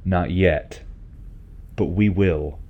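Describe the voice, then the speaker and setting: A man's voice: low voice, extremely slow, breathy edge, muffled recording, heavily acted. A man playing a defiant, idealistic captive starship officer in a sci-fi audio drama. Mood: earnest.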